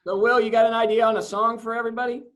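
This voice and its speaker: A man's voice: extremely high pitch, little pitch movement, very fast, fairly bright tone, low-quality recording. A man hosting a casual video call interview, joking around and stumbling through his questions with lots of fillers. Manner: joking, hesitant, many fillers. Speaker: interview host.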